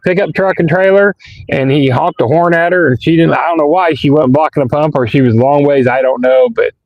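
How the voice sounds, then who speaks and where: A man with a sore, hoarse voice, rambling casually as he chats with viewers on a live stream. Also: a little high, fairly quick, no echo, muffled recording. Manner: rambling, colloquial, answers chat comments. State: hoarse, sick with sore throat.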